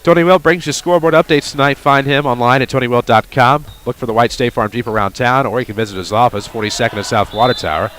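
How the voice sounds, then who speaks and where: Calling a high school basketball game on radio, this play-by-play announcer has a fairly bright tone and moves fast, dropping wry asides. Faint gym noise sits behind him.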